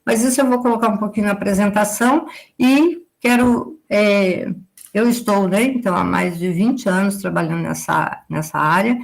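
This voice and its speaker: A woman's voice: medium pitch, moderate pace, vocal fry. A woman in her forties from southern Brazil giving a lecture as an agricultural consultant, explaining at length and tagging her sentences with a questioning "right?". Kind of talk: live lecture to students.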